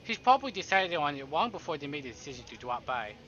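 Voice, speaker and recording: This man's voice is fairly high, sing-song, pushed, and bright, and he speaks quickly. He streams a visual novel, mixing live narration with joking, sarcastic remarks. Game music runs underneath the dull, lo-fi stream audio, along with slight background noise.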